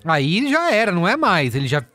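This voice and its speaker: A Brazilian man in casual podcast chat, reflective and quick to agree with others. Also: high-pitched, huge pitch swings, sharp tone, faint music behind. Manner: reflective, agreeable, interjects often. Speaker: podcast co-host.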